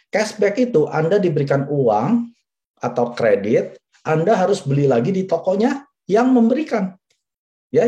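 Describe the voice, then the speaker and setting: A business presenter in his forties delivers a persuasive seminar talk, speaking directly to the audience and repeating his key points. His voice is on the high side and mellow.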